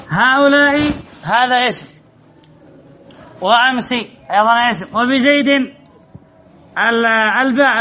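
Man, very high bright voice, classroom teacher drilling the rules on a muffled recording. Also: slight background noise. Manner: quizzes the class, repeats key points. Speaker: grammar teacher. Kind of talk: classroom lesson with student questions.

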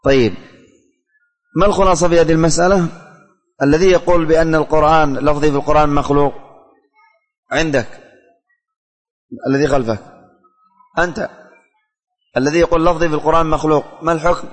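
A man's voice: on the high side, steady tone, fairly quick, pauses often, big-room sound, faint music behind. A man teaching a religious studies class, calling on students by name, asking questions and repeating the answers.

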